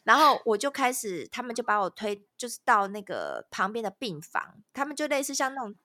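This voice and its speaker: A woman, a podcast guest telling a story in an animated, dramatic way. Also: on the high side, a little fast. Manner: animated, dramatic retelling with laughter. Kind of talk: casual storytelling chat.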